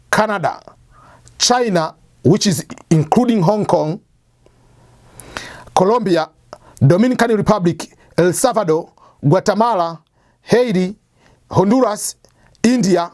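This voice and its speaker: A high-pitched, slightly mellow man's voice, recorded dry at studio quality, hosts an immigration advice show. Speaking to camera, he explains step by step in a conversational manner, asking questions and answering them himself.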